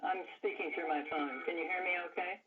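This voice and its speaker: A woman's voice: on the low side, steady tone, breathy edge. Woman speaking over a tinny phone line. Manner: measured, reading prepared remarks. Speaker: public commenter, church council chair. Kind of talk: public comment at a board meeting.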